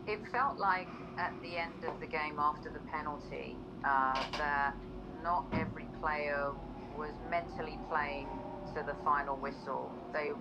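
A woman reporter with a notably low voice puts a deliberate question to a coach at a press conference. Her audio comes through dull and lo-fi, with loud background noise over it.

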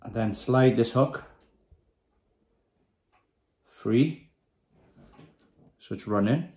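Speaking very slowly at a medium pitch, a Welshman in his thirties ties knots and calmly, plainly talks viewers through a fishing rig in a casual step-by-step tutorial. A phone camera on his desk records him in a small, windowed room that sounds echoey.

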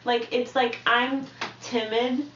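Young woman content creator, soft hedging talker; bright voice, roomy and dull recording. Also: a little high, flat delivery, takes it slowly. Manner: hedging, filler-heavy, soft-spoken. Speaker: content creator on a live reality stream. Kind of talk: casual chat. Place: indoor room in a reality house. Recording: echoey room, distant from mic, dull lo-fi, faint hiss.

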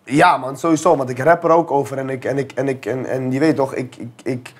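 A man's voice: medium pitch, fairly even intonation, fairly quick. Laid-back young man, slangy chat. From Netherlands. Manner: laid-back street slang, constant filler tags. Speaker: rapper guest. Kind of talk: casual interview chat.

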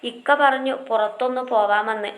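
A woman's voice: a little high, fairly even intonation, moderate pace, reverberant, lightly acted. A woman reading as a tearful young bride. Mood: emotional. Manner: soft, emotional. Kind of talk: storytelling read-aloud.

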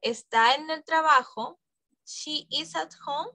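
Brief: woman, English teacher, high voice, coaxing, keeps checking in, close dry sound. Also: slow, sharp tone, no echo. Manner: coaxing, checks in with frequent questions. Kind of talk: online exam-prep class.

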